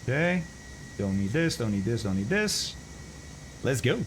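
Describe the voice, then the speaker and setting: A man's voice: mid-range voice, big pitch swings, unhurried, a little hiss or hum. A man streaming a flight simulator, chatting casually with viewers, thinking aloud and laughing often. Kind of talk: casual live-stream chat.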